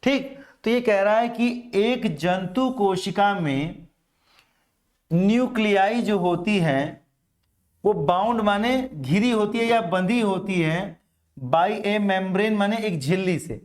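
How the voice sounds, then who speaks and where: A man's voice: sits high, takes it slowly. A middle-aged Indian man teaching an exam-prep grammar lesson, explaining step by step and answering his own questions. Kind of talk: classroom grammar lecture.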